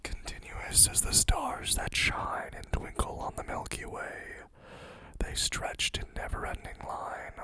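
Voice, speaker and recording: Whispering close to the mic, this ASMR host reads poems slowly, breaking off for chatty asides, her voice a bit hoarse and fading.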